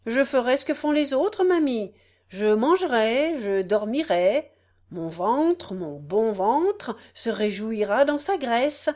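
A woman voicing a smug, greedy male election candidate who shouts grand promises in a storybook reading. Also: fairly high pitch, animated, slow, pitched above the performer's own voice.

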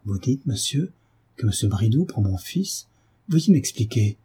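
A man reading a novel aloud and voicing a young wife who answers her husband formally and begs him to calm down. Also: on the low side, a little slow, husky, heavily acted. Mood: firm. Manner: formal and pleading. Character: frightened young mother, pleading, dignified.

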